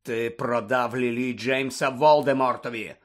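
A man reading an audiobook, voicing a vengeful male wizard who roars and rasps with contempt. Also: medium pitch, unhurried, pushed and bright. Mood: furious. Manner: roaring, hoarse, contemptuous. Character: furious vengeful male wizard, roaring and hoarse.

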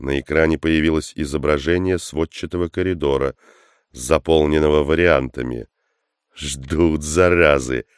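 A man reading a science-fiction audiobook as narrator, in a measured, steady way. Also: extremely low pitch, clean tone, dry recording, studio quality. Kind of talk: scripted narration.

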